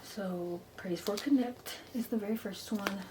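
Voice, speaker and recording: A woman's voice: medium pitch, a little slow. A woman giving a chatty, gushing book review in an informal, enthusiastic way, stressing words by repeating them. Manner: informal, enthusiastic, emphatic repetition. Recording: noticeable background noise.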